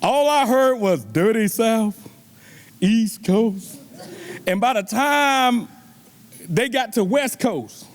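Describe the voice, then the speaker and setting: A man's voice: very high-pitched, expressive, takes it slowly. A middle-aged man giving a motivational keynote speech at a banquet, preacher-like, calling out to the students and asking the crowd rhetorical questions. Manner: preacherly, repeatedly addresses the audience with rhetorical questions. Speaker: motivational speaker. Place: banquet event.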